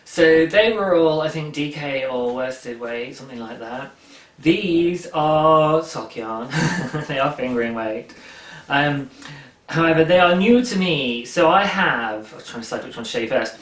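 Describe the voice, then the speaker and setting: The young host of a knitting video podcast sits on his living-room sofa for a casual, rambling chat, amusing himself and saying um a lot. He talks at a measured pace in a fairly high, expressive, fairly bright voice, recorded from afar in an echoey room.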